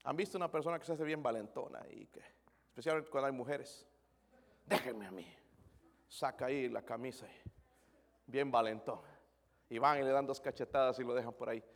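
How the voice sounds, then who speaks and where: A man's voice: mid-range voice, steady tone, quick pace, vocal fry, big-room sound. A man preaching a sermon as pastor, asking the congregation questions and dropping English words into his Spanish.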